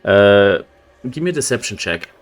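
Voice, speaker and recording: Lowish-voiced man running a tabletop game. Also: big pitch swings, normal speed. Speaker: game master. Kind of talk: improvised tabletop game narration.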